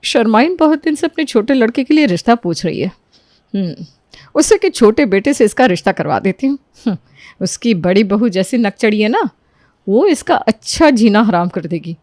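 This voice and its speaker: A woman's voice: a little high, big pitch swings, normal speed, a little mellow, dry recording, clean studio sound. A woman voicing a touchy, vindictive middle-aged aunt who complains and scolds in a cartoon story. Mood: spiteful scheming. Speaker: Bua ji, the visiting aunt.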